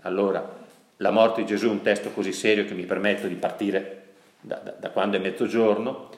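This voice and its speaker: A priest giving a sermon, telling a story and putting questions to his listeners, often slowing down for emphasis. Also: on the low side, level tone, echoey room. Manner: storytelling, asks the audience questions, slows down for emphasis.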